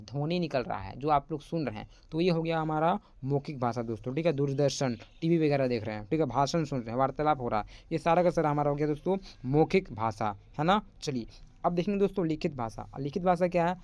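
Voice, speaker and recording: A man's voice: a little high, fast talker, darkish tone, dry recording. Chatty young male teacher, dry close sound. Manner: chatty, repeats "friends" often. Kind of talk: casual online lecture.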